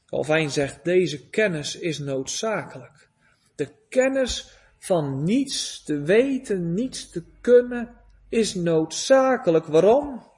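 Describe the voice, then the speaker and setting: A man preaching a sermon, solemn and pleading, with long pauses and rising emphasis. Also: sits high, expressive, a little mellow.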